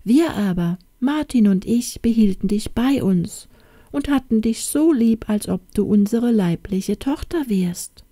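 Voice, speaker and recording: A woman's voice: fairly high pitch, expressive, unhurried, warm tone, dry recording, studio quality, pitched above the performer's own voice. Woman doing a chatty old hen. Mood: confiding. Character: old hen, pleading then chatty nurse who tells secrets.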